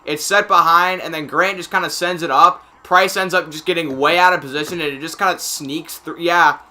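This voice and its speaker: A man calling a hockey game casually, play by play, getting excited on big plays and chatting in asides with filler words. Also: fairly high pitch, brisk. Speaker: amateur play-by-play commentator. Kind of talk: casual live game commentary.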